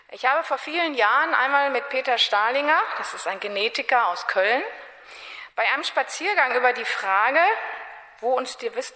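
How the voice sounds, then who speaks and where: A woman speaking from a lectern in a large hall, her bright voice sitting a little high. She talks in a measured, formal way, pausing deliberately and sometimes correcting herself, while a long reverb trails behind her words. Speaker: speaker giving an introductory talk. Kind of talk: formal lecture before a panel discussion.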